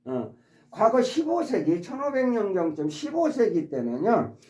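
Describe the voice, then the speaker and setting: A man's voice: high voice, wildly swooping pitch, a little slow, darkish tone, reverberant. A man teaching English vocabulary to his subscribers, repeating each word and demonstrating its stress patterns. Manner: addresses subscribers politely. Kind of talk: explanatory vocabulary lesson.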